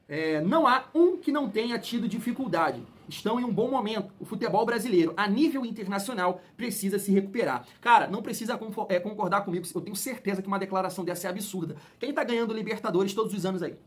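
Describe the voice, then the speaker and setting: A man's voice: high-pitched, expressive, fast talker. A man hosting casual football commentary, opinionated and heated, speaking straight to his viewers. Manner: opinionated, heated, colloquial, addresses fans as family. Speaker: football channel host.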